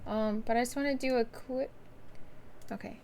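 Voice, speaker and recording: A woman's voice: on the high side, fairly even intonation, moderate pace, a little mellow. A woman hosting a live stream, upbeat and chatty, opening the show. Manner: upbeat, laughs often. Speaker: host and esports coach. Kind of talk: casual livestream chat. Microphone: live stream microphone.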